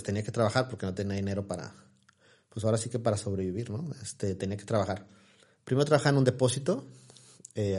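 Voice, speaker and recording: A man's voice: lowish voice, darkish tone. A man, chatting as an interview guest and telling rambling stories full of fillers and restarts. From Mexico, Tamaulipas. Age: 40s. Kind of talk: casual interview chat.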